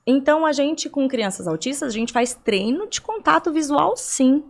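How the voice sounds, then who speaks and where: A young woman from Brazil talks as a guest in a podcast interview, her voice sitting on the higher side. She explains at length and keeps her listeners involved with rhetorical questions and everyday examples. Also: animated, moderate pace.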